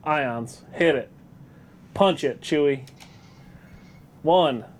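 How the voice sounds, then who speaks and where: A man coaching a friend through a space combat game with quick jokes and teasing. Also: on the high side. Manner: wisecracking, coaching. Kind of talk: playful banter over gameplay.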